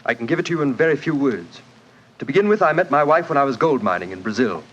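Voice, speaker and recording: A blunt, proud rich husband with a touchy temper. He talks fast at a medium pitch, in clipped radio-drama phrases. The vintage recording sounds dull. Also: expressive, fairly bright tone. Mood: candid, terse. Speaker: actor in a radio mystery. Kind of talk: 1940s radio acting. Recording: muffled 1940s radio recording.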